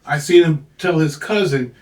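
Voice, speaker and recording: A man's voice: on the high side, moderate pace, a little mellow. Brief: older man, podcast co-host, reflective storyteller, sits back from the mic in a roomy space. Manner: reflective storytelling with many "you know"s. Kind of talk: casual chat. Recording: echoey room, mic at a distance.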